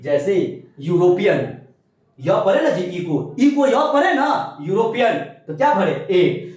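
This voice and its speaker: Grammar teacher, man, lively swooping voice, quizzes the class, echoey distant recording. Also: high-pitched. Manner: drills with repeated questions and answers; emphatic, sometimes shouting. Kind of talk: animated classroom-style grammar lesson. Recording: very echoey, from off-mic.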